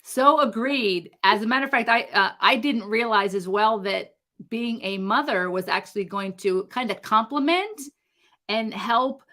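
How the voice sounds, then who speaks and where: Woman host, bright, forward voice, pitched a little high, encouraging. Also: measured pace. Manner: encouraging, affirming questions. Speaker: podcast host. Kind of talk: interview hosting.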